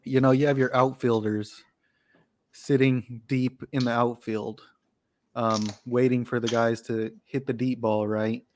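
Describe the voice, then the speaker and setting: A man hosts a sports podcast, talking football casually, dropping plenty of "you know" fillers and laughing easily. His voice is mid-range, flat in delivery and a little mellow.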